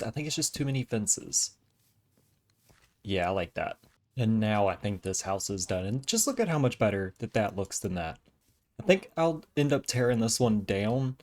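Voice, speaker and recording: In casual gameplay commentary, a gaming channel host calmly thinks aloud as he builds in a video game. His fairly low voice sounds a little raspy due to allergies, and faint music plays behind him.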